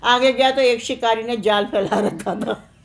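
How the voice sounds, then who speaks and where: A woman's voice: a little high, measured pace, vocal fry. A woman preacher with a north Indian Hindi accent gives a devotional discourse, telling a story with chanted refrains and acted-out quotes.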